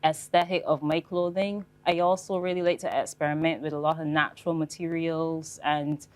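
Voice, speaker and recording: Young woman, low voice, measured panel speaker. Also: steady tone. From Barbados. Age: young adult. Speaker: fashion designer on a panel. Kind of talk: panel talk.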